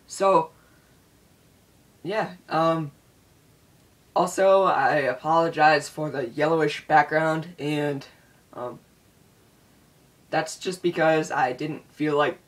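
Guy rambling slowly on a cheap ipod mic, kinda far off and low-quality, lots of ums. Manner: hesitant, many ums and restarts. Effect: low-quality recording on a built-in iPod mic. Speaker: vlogger. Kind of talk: casual channel update. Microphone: iPod built-in microphone. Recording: distant low-quality handheld device mic.

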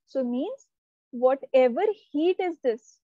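High mellow woman teaching. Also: slow, dry recording, dull audio. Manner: explains step by step, often checking if students follow. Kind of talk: live online class lecture.

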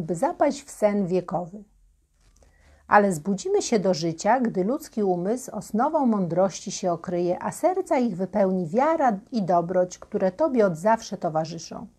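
A woman voicing a solemn giant armored knight with wings, speaking in an archaic, husky voice in a storybook legend. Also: mid-range voice, a little mellow.

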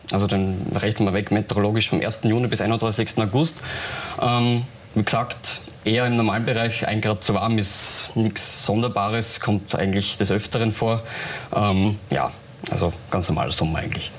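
Hesitant young weather expert. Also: male voice, on the low side, a little hiss or hum. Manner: hesitant, many fillers. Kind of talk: studio interview. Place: TV studio set.

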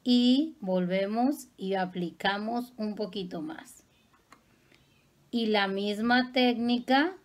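Slow, patient makeup artist woman. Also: mid-range voice. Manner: patient, affectionate teaching tone. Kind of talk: step-by-step makeup tutorial.

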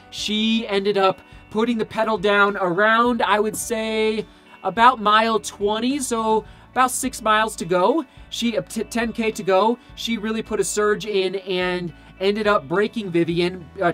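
A running vlogger in his thirties breaks down race results to camera from a small home studio lined with shoe brand boxes. He sounds a little hoarse and tired, with a high-pitched, slightly bright voice, and he talks casually and enthusiastically, rambling with fillers and self-corrections.

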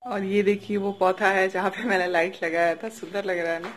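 A young woman with an eastern Uttar Pradesh Hindi accent, narrating a casual daily vlog at home in a chatty, soft-spoken way with frequent tag questions. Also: medium pitch, flat delivery, fairly quick, music in the background. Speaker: vlogger. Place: family home, indoors and courtyard.

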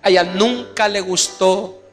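A fairly high-voiced male pastor preaching with passion. He acts out mothers' words in a lively voice. His voice rings through a reverberant church hall with soft music underneath. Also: a little slow. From Guatemala. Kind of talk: sermon. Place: church service.

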